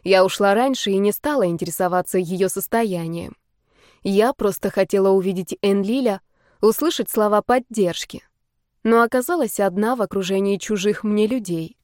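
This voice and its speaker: A woman reading a first-person audiobook in a steady, even storytelling manner. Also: medium pitch, normal speed, no room sound, clean studio sound. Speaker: audiobook narrator.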